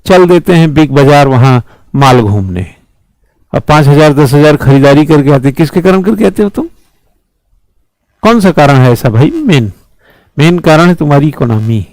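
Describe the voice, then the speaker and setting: A man's voice: fairly high pitch, darkish tone, no echo, poor audio. A man teaching a civil services exam class, lecturing emphatically with rhetorical questions and repeated phrases.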